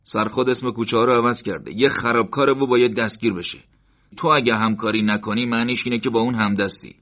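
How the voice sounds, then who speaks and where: A man's voice: medium pitch, fairly even intonation, fairly bright tone, voice pushed up, lightly acted. A man voicing a menacing male secret-police interrogator who threatens and sneers, in an audiobook. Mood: threatening. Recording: dull lo-fi recording.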